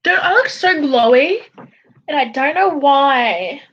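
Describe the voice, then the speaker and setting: High bright young woman. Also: animated, slow pace. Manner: stumbles over words, swears, loud outbursts. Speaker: vlogger. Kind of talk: casual chat, reading facts aloud. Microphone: computer mic. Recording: dull lo-fi home recording.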